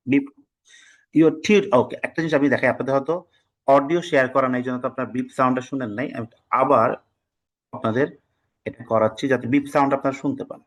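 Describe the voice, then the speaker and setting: A man's voice: mid-range voice, poor audio. A man from Bangladesh teaching an online test-prep class. He lectures casually, mixes English words into his talk, and scolds his students now and then. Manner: reads practice passages aloud slowly and deliberately.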